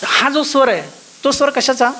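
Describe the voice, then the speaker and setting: A man's voice: very high-pitched, moderate pace, pushed and bright, slight background noise, low-quality recording. A man with a thin voice teaching a devotional course, often asking his listeners whether they follow and singing out the musical notes as he explains them.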